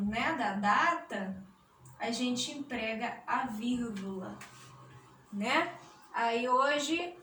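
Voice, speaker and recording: A woman's voice: a little high, a bit bright, slight background noise. A woman with a Brazilian Portuguese accent teaching a recorded classroom lesson, explaining patiently and often checking that her students follow. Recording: roomy echo.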